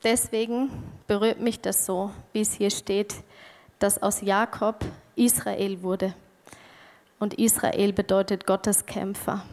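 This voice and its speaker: A woman sharing a Bible verse and preaching in a calm, measured way. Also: medium pitch. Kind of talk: sermon.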